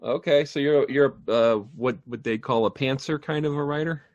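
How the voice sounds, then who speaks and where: A man co-hosting a casual interview, chatty and quick with affirmations. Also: medium pitch, no room sound, lo-fi sound. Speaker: talk show co-host.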